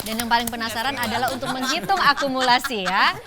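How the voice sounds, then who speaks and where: A woman's voice: on the high side, quick pace, crowd noise. A woman hosting a TV game show, calling out scores and winners as an emphatic prize announcer who draws out results. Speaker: quiz show host. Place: TV studio. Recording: loud noise, clicks.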